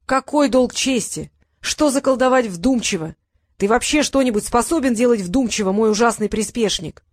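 A woman's voice: medium pitch, lively intonation, normal speed, no room sound, clean studio sound, close to an everyday voice. A woman reading an audiobook voices a tired, grumpy old male wizard who speaks with exasperated sarcasm. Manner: exasperated, sardonic.

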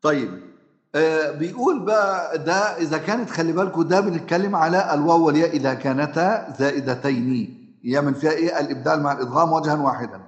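Egyptian man teaching in an echoey room. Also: fairly high pitch. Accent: Egyptian Arabic. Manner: conversational teaching, often asks the listener questions, many drawn-out fillers. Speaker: Quran recitation teacher. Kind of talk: Egyptian Arabic lesson explaining recitation rules.

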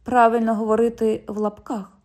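A woman's voice: fairly high pitch, flat delivery, moderate pace, darkish tone, lightly acted. Jack: a woman doing a stiff young cop. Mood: formal. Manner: formal, stiff, patient. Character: patient, formal young male police officer. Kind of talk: audiobook dialogue reading.

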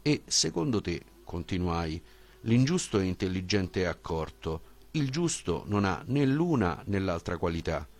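A male audiobook reader with a very low, deep voice. He reads a philosophical dialogue in a measured, questioning way, posing each point with care. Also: very animated.

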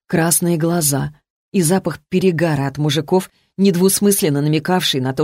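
A man narrating an audiobook in a steady, even storytelling manner. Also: on the high side, no echo, clean studio sound. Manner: steady, even storytelling with lightly voiced dialogue. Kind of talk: scripted narration.

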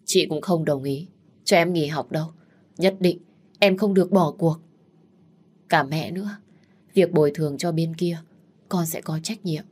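A woman's voice: sits low, measured pace, pauses often, darkish tone, slightly rough. A woman voicing a responsible young elder daughter who steadily reassures her family. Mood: resolute. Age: young adult.

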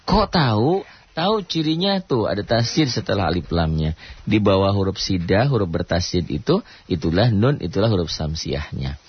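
A man teaching Quran recitation rules on a radio programme, asking himself questions and answering them, and chanting verses slowly to show the rules. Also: on the low side, very animated, breathy edge. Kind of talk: radio tajwid lesson. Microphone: studio radio mic. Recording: dull dry radio broadcast.

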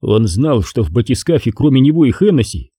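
Male audiobook narrator, expressive, tense, lively pitch, husky. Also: brisk, no room sound, clean studio sound. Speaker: audiobook reader.

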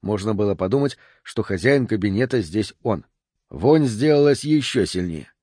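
A man narrating an audiobook in a measured, expressive way. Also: fairly low pitch, no room sound, clean studio sound.

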